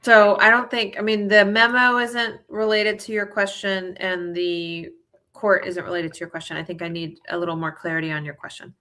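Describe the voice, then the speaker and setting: A woman's voice: medium pitch, flat delivery, moderate pace, pushed and bright. A woman immigration lawyer answering viewer questions in a casual, explanatory way, with many fillers and a reassuring tone. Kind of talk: live viewer Q&A.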